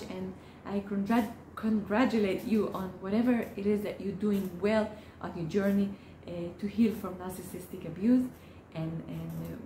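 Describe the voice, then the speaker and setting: Offering advice straight into the camera, this therapist is a mellow, earnest woman of medium pitch, Hebrew being her native tongue. Her speech halts with frequent restarts, though it remains encouraging. Slight background noise and a roomy echo are audible.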